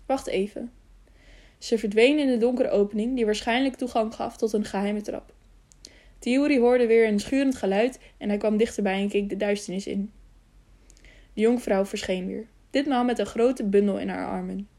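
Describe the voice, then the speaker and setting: A woman reading a children's novel aloud as an audiobook, steady, with small slips and self-corrections. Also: medium pitch, moderate pace. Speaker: audiobook narrator.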